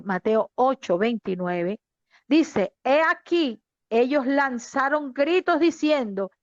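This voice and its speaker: A woman's voice: high-pitched, no room sound, lo-fi sound. A woman pastor giving a fervent sermon, speaking straight to her congregation. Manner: fervent preaching, addressing the congregation directly. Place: online church service.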